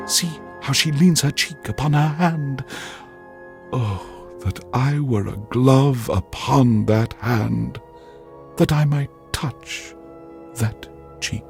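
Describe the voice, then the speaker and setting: On the high side, a male actor voices an erudite, pompous alien overlord hosting a game radio show as its DJ. He recites in a grandiose theatrical manner, enunciating every word carefully.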